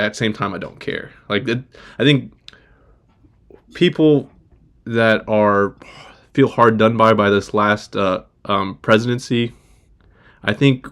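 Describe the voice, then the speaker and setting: A man chatting informally, hedging and thinking aloud as he gives his opinions. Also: lowish voice. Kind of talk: casual political chat.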